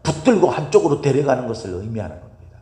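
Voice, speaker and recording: A male pastor delivers a sermon with a widely swinging, expressive pitch. He keeps turning to the congregation with rhetorical questions. His voice rings through a roomy hall with a long reverb tail. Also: fast talker. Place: church sanctuary.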